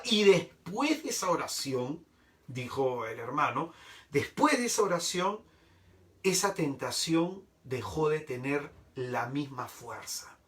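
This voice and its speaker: Male preacher, animated sermon storyteller, slightly distant mic. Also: a little high. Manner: expressive storyteller, rhetorical tag questions. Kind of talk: sermon with testimonies.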